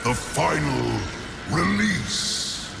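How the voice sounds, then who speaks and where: A man's voice: on the high side, lively intonation, very slow, gravelly, very noisy, heavily acted. A man playing an imperious, scornful, ancient underworld lord in a video game, solemn, menacing and theatrical. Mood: solemn, grandiose. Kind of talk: dramatic video game acting. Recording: cavernous reverb under loud game music.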